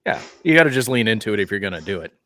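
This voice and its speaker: A man hosting a podcast in casual chat, animated and rambling, full of fillers and restarts. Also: lowish voice, rapid-fire, no echo, studio quality. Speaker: podcast host.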